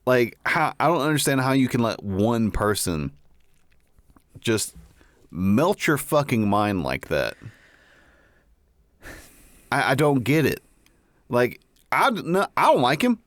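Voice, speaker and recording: A man's voice: mid-range voice, sing-song, slow pace, pauses often, a bit bright, no echo, clean studio sound. A man co-hosting a podcast, talking in a rambling, profane way with many "like"s. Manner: rambling, frequent "like", laughing, profane. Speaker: podcast co-host. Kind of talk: casual chat.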